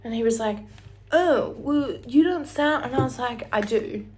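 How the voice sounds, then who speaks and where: A young woman with an Australian accent does her hair and makeup at home, chatting and rambling, with bits of song and the odd whisper. Her voice is a little high with a darkish tone, and she keeps a measured pace.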